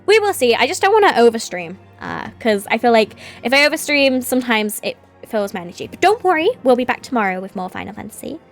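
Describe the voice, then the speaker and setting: A woman's voice: on the high side, sing-song, quick pace, hardly any pauses, soft background music. A woman live streamer chatting casually to her viewers in a playful, rambling, giggly manner.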